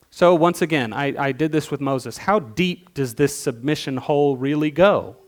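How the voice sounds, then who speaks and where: Leading worship, a man delivers a sermon with a fairly high voice, teaching conversationally and posing questions. He swings between emphatic bursts and quiet asides.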